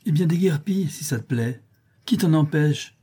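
A man's voice: fairly high pitch, lively intonation, normal speed, dark tone, slightly rough, pitched above the performer's own voice. A man reading a storybook, voicing a proud, stubborn boy who brags and mocks his friends. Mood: defiant. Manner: bragging, scornful. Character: boastful boy pirate captain, proud and stubborn.

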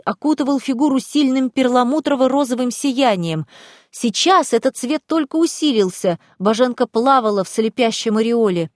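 A woman narrates a first-person story with dramatic tension. Her voice sits a little high. The recording is dry and close, with no echo. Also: darkish tone. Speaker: audiobook reader.

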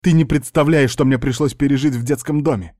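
A man reading an audiobook, voicing a young blonde woman who snaps and shouts at her uncle. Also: on the high side, sing-song, moderate pace, dry recording, studio quality, voice pushed up. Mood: furious. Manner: raised, snapping and shouting delivery. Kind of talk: audiobook character voice.

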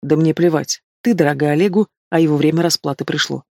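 Жестокий главарь банды средних лет, с ухмылкой и угрозой, в исполнении мужчины, аудиокнига. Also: male voice, a little high, fairly even intonation, quick pace, creaky, darkish tone, no room sound, studio quality. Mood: menacing. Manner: sneering, menacing. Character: cruel middle-aged male crime boss, sneering.

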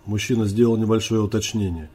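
A man narrating a story aloud, voicing the dialogue with raised pitch. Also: steady tone, fast, dark tone, slightly rough. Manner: reads dialogue with lifted pitch for characters. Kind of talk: audiobook reading of a story.

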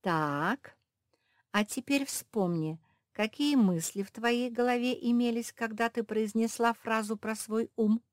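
A woman's voice: fairly high pitch, unhurried, dry recording, studio quality, voice pushed up, close to an everyday voice. A woman voicing a thoughtful, clever female pug who patiently explains and asks. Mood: gently probing.

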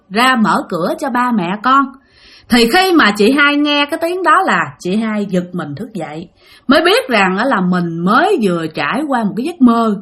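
A woman's voice: fairly high pitch, breathy edge. A woman telling a ghost story in a chatty way, full of fillers. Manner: chatty, lively, many fillers. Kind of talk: spoken ghost story narration.

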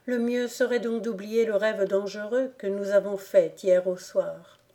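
A woman's voice: mid-range voice, fairly even intonation, dark tone, natural voice. Dignified young woman in love, read by a woman. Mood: earnest. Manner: earnest and measured. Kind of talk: audiobook character reading.

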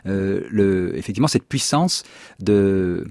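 A man speaks as a guest philosopher on a radio discussion show. His voice is low and is recorded dry and close. He talks haltingly, with many restarts, while he searches for his words. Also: animated, darkish tone, no echo.

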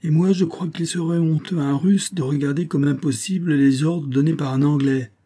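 A man's voice: on the high side, fairly even intonation, moderate pace, warm tone, husky, voice pushed up. A man voicing an impetuous young naval lieutenant in a raised, urgent voice for a storybook reading.

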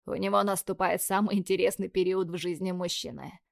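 A woman reading the lines of an elderly grey-bearded male doctor who is fatherly and gently scolding. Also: fairly low pitch, fairly even intonation, a little fast, creaky, no room sound, clean studio sound. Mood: teasing.

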